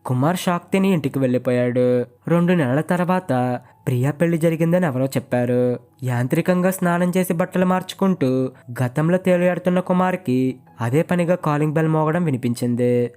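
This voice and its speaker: A man reading out a short story as scripted narration, in a measured, dramatic storytelling manner. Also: fairly high pitch, darkish tone, clear, resonant tone.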